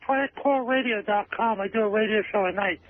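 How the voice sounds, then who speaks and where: Mumbling very high-voiced male caller on phone. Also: fairly quick. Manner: mumbling, mouth full, hard to understand. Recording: tinny phone line on radio.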